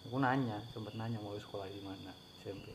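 A man's voice: fairly low pitch, fairly even intonation, quick pace, over a noisy crowd. A man in casual chat, telling a bashful story from his school days.

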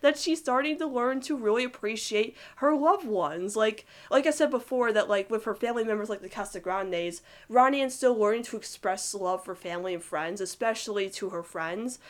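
A young woman gushing about a cartoon couple in rambling, excited casual commentary full of "like". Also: on the high side, normal speed, few pauses. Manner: gushing, rambling, heavy use of "like", giggly. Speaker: cartoon fan reviewer.

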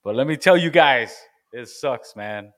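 A man hosting a relaxed livestream chat, rambling and repeating himself, with a cave-like echo from the empty, unfurnished room in his new house. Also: medium pitch, a little slow. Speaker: show host.

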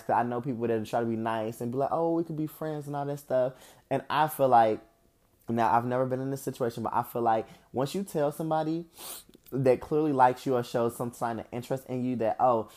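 A young man talks on his own in a loose, unscripted monologue, his voice a little stuffy through the nose. He is candid and wanders from point to point, padding his thoughts with fillers and restarts. His pitch sits in the ordinary middle range for a man. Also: dark tone. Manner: rambling, candid, with frequent fillers. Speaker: podcast host. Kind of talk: casual solo monologue.

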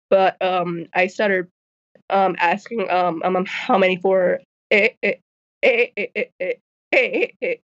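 A woman author, a guest in a casual interview, who stutters with repeated sounds and blocks and laughs often. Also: mid-range voice. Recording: slightly dull lo-fi audio.

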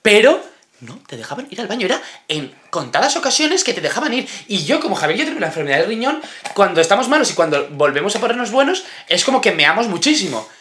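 Lively young man co-hosting a podcast. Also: high voice, fast, reverberant. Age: young adult. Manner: teasing, swears, animated. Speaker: podcast co-host. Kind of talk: casual chat.

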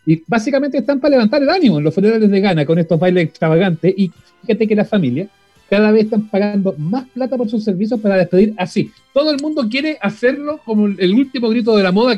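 A man's voice: high voice, lively intonation, fairly quick, muffled recording, faint music behind. A middle-aged Chilean man hosting a podcast in casual, slangy conversation. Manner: colloquial, slangy. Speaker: podcast host. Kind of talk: casual chat.

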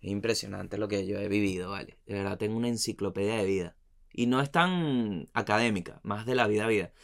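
A man from Venezuela with a Venezuelan accent, telling comic stories in an animated, slangy, profane way that trails off into muttered asides. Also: lowish voice, brisk, creaky. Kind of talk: comic storytelling monologue.

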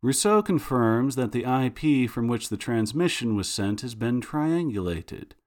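A male narrator reading a first-person serial story with dry, sardonic wit. His medium-pitched voice is lively, swinging up and down through the telling. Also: a little slow.

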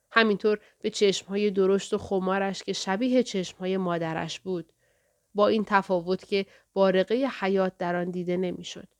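A woman narrating an audiobook in a calm, even storytelling manner. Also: medium pitch.

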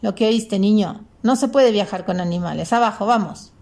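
Un chofer de autobús grosero y agresivo, que ordena de malas maneras, con la voz de una mujer que narra. La voz suena algo áspera y apagada. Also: female voice, mid-range voice, normal speed, creaky, darkish tone, natural voice. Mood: brusco. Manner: brusque, bossy. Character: rude, aggressive male bus driver.

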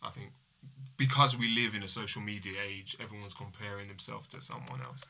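Bright, husky man giving pep talk. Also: fairly low pitch, steady tone, a little fast. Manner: upbeat, motivational, repeats "just do it". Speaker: guest athlete. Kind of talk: casual interview chat.

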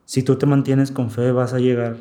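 A man's voice: medium pitch, little pitch movement, normal speed, mellow. A man, giving an earnest testimony as an interview guest, often repeating himself and acting out what others said to him. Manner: earnest, repeats himself, acts out quoted dialogue.

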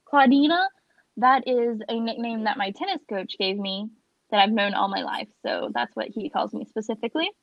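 A woman's voice: a little high, moderate pace, gravelly, dry recording, muffled recording. A young woman chatting casually with a friend during a quiz game, giggly and talkative.

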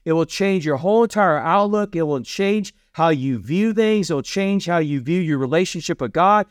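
Middle-aged male preacher, earnest and repetitive, with a clear, high voice and dry sound. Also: expressive, no room sound. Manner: earnest, repeats phrases, slows for scripture. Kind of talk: sermon.

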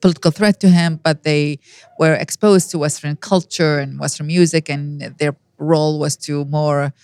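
A woman's voice: sits low, steady tone, moderate pace, a little mellow, clear, resonant tone, no echo. A woman, telling her life story as an interview guest, earnest and reflective with frequent restarts. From Iraq. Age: 50s.

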